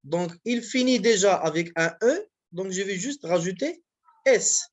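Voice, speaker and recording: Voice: mid-range voice, animated, unhurried. Patient teacher. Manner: patient, repetitive explaining with frequent check-ins. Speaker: university language teacher. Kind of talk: classroom grammar lesson.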